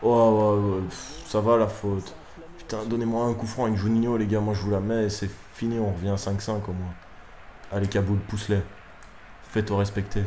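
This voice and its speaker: A young man giving excitable live commentary on his own football video game match, swearing at his players and breaking into shouts. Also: fairly low pitch, normal speed. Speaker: gaming YouTuber. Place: room at home at night.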